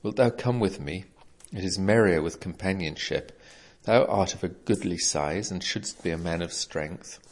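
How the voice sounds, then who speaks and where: A man's voice: low voice, normal speed. A man voicing an earnest young hero of great strength who speaks in archaic, formal words.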